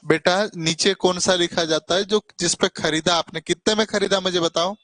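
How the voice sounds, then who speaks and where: A man's voice: sits high, steady tone, moderate pace, fairly bright tone, no room sound. A man teaching maths to children in a classroom, coaxing and mildly scolding them as he works through problems. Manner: coaxing, mildly scolding, calls students "beta". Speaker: maths tutor.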